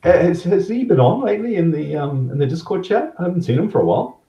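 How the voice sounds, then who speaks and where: A man asking relaxed, curious questions in a casual group chat over a video call. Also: a little high, fast. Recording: echoey, dull call audio.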